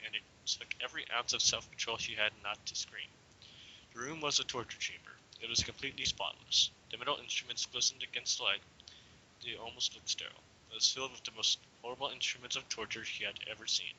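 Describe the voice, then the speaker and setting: The reader's mid-range voice moves fast, steady in tone yet bright and forceful, over slight background noise. He is a young man doing an amateur dramatic story reading in a dull lo-fi home recording, sometimes stumbling and breaking into casual asides.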